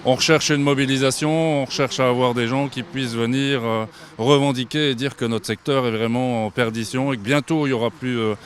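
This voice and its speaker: Brief: farmer, man, mid pitch, urgent pleading tone. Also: steady tone, fairly quick, slight background noise.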